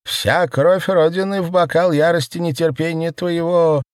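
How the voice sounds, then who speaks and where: A man voicing a grotesque ragged woman who speaks in a hoarse, wheezing, exalted way. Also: on the high side, steady tone, measured pace, no room sound, studio quality, pitched above the performer's own voice, natural voice.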